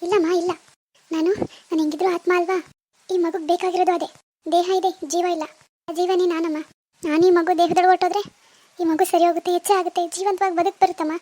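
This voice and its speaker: Woman as a gentle ghost big sister, very high voice, earnest reassuring repeats, village drama. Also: level tone, fast, pauses often. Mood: tender. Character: ghost elder sister, tender and protective.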